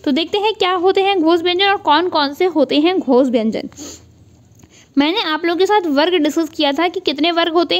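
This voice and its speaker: A young woman gives an online exam-prep lecture in a high voice. She turns each key point into a question for her students and answers it at once. English words slip freely into her Hindi. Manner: repeats key points as quiz questions, then answers them.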